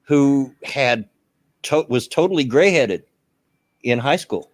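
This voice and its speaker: A man in his fifties hosts a casual livestream from home, rambling as he reads viewers' messages aloud. His voice sits at an ordinary middle pitch, and the recording is dry, with no room sound. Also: animated, takes it slowly, no room sound. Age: 50s. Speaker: stream host. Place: home, on a laptop camera.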